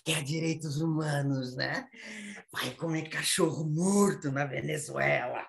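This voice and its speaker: A man's voice: a little high, a little slow, vocal fry, slight background noise. A man playing a mocking reactionary man who taunts with scornful repeated questions, over a video call. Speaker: theatre workshop participant.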